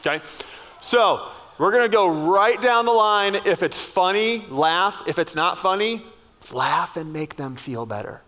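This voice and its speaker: A man's voice: sits high, animated, a little slow, pushed and bright. A man leading a school chapel assembly, joking playfully with the students.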